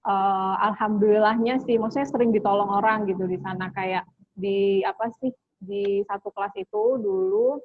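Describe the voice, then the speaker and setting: A woman's voice: mid-range voice, steady tone, moderate pace. A young woman from Indonesia telling her story as an interview guest, chatty, with lots of fillers and English phrases mixed in. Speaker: interview guest, scholarship graduate. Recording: dull lo-fi dry recording.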